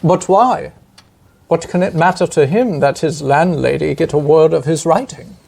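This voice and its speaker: A performer playing a composed, analytical Victorian gentleman detective in a mystery role-play, speaking formally and with measured care. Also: medium pitch, vocal fry, a little hiss or hum, natural voice. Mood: musing, analytical.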